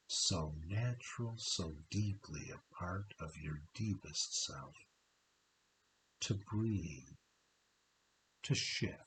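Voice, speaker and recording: A man with a very deep voice talks slowly and softly through a guided relaxation, stretching each phrase and leaving long pauses. He slips now and then into a breathy half-whisper. A steady hiss sits under the whole recording. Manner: soft, slow, hypnotic delivery with long pauses and drawn-out phrases.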